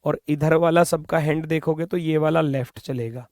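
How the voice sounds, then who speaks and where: Brisk Indian male reasoning teacher. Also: a little high, steady tone, darkish tone, no echo, clean studio sound. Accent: Indian English. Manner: brisk, coaxing, scolds students playfully. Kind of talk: online exam-prep class.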